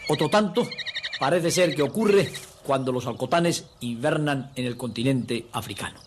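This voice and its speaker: A man's voice: medium pitch, lively intonation, normal speed, a little hiss or hum. A man narrating a nature documentary in an emphatic, didactic, scripted way, addressing viewers as friends.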